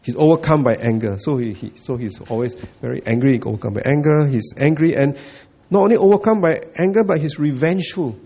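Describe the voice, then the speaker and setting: Buddhist teacher, male; gravelly, husky, mellow tone, a bit high-pitched; repetitive lecturing with frequent chuckles. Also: brisk, hardly any pauses. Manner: repetitive, checks in with listeners, chuckles often. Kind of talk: dharma talk lecture.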